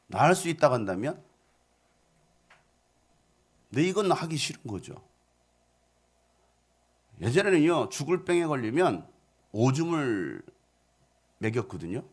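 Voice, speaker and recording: A male pastor preaching a lively sermon, acting out voices and quotes with a playful, animated manner. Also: fairly high pitch, breathy edge.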